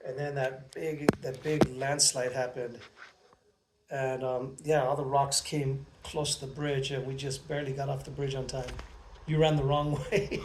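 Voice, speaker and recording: A man's voice: mid-range voice, measured pace. A middle-aged father answering questions in a casual family interview and telling old stories with small chuckles. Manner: relaxed storytelling with chuckles. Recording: faint background noise with clicks.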